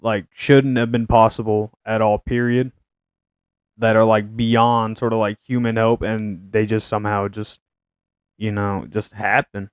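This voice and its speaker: A man's voice: lowish voice, smooth, dry recording. Rambling young man on a podcast, muffled sound. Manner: rambling, filler-heavy, gets loud and excited. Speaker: podcast co-host. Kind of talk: casual podcast chat. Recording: dull, muffled dry sound.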